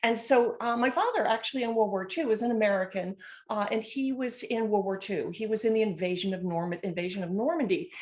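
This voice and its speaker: A woman's voice: medium pitch, fairly quick. A woman in her sixties, originally from Scotland, chats as a guest on a video call and reminisces with fillers and restarts. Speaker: guest, former student now faculty. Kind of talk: casual interview over video call.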